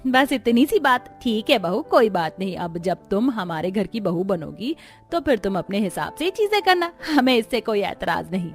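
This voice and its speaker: A woman voicing a patient middle-aged mother-in-law in a cartoon story, gentle and pleading. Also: medium pitch, big pitch swings, normal speed, soft background music. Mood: kindly. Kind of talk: animated storybook dubbing.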